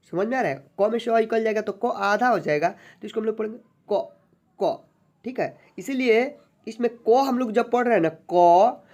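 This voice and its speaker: A teacher giving an online alphabet lesson, patiently sounding out syllables slowly and often checking that viewers follow along. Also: medium pitch. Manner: addresses viewers as friends. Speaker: Hindi teacher.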